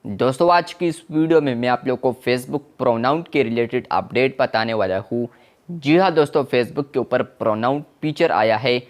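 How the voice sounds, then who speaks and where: A man's voice: mid-range voice, normal speed. A man presenting a tech tutorial, explaining app settings step by step and often addressing viewers as friends. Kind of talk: screen-recorded tech tutorial.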